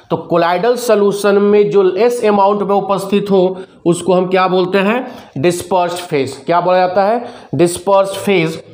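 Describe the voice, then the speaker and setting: Middle-aged male chemistry teacher, high-pitched, asks and answers his own questions. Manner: repeats questions and answers them himself; mixes English terms into Hindi. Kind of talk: classroom lecture.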